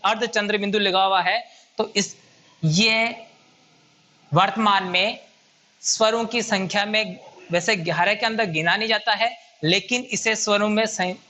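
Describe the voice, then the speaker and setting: Slow, bright-voiced male teacher. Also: high-pitched, a little hiss or hum. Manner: slow, patient, repeats and counts items aloud. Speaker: Hindi grammar teacher. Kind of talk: whiteboard lesson.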